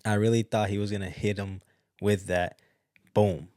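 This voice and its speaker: A man hosting a podcast, talking casually on his own, chatty and excitable, often repeating his words. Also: fairly low pitch, moderate pace, dry recording, studio quality. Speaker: podcast host. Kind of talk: casual solo commentary.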